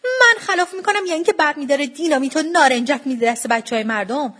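Woman voicing a fiery scolding mom, high and shrill, husky edge, storybook reading. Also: big pitch swings, full character voice. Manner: shouting, scolding. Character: loud bossy middle-aged mother, fiery and stubborn.

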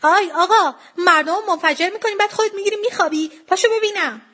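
A woman voicing a loud, stubborn middle-aged mother who scolds and shouts. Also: a little high, big pitch swings, breathy edge, exaggerated voice. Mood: scolding.

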